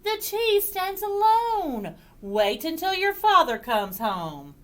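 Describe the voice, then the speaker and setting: A woman's voice: extremely high pitch, very animated, slow pace, fairly bright tone, pitched above the performer's own voice, exaggerated voice. A woman voicing a firm, scolding farm mother in a children's story, strict and emphatic.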